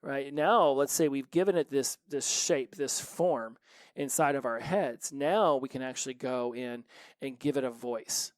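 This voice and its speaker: A man talking alone on his self-help podcast, recorded from his office. He speaks in an energetic, emphatic and playful way at a middle pitch, in a dry, close sound. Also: unhurried, dry recording. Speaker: podcast host.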